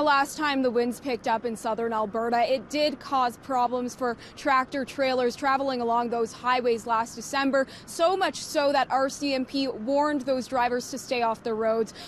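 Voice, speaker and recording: A woman's voice: high-pitched, fairly even intonation, moderate pace, hardly any pauses. A woman with a Canadian accent delivering a scripted television news report as a reporter. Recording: faint vehicle noise behind.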